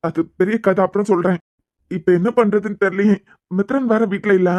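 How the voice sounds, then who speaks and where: A woman's voice: mid-range voice, steady tone, a little fast, no room sound, highs cut off, close to an everyday voice. A woman voicing a worried young man in a cartoon series, pleading and tender, with a Kanyakumari Tamil accent. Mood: remorseful. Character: anxious young man tending a fainted girl. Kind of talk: cartoon web series voice acting.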